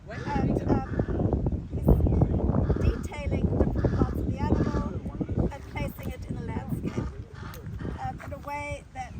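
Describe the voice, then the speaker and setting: A woman's voice: high-pitched, flat delivery, takes it slowly, pauses often. A woman interviewing an artist outdoors at a zoo, speaking in a reflective, musing way. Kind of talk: casual interview. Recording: distant mic, loud outdoor noise.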